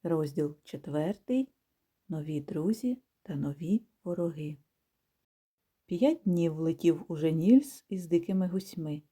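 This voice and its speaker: A woman reading a children's storybook aloud in a calm, measured, gently expressive way. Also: deep voice, husky. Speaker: audiobook reader. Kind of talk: storybook narration.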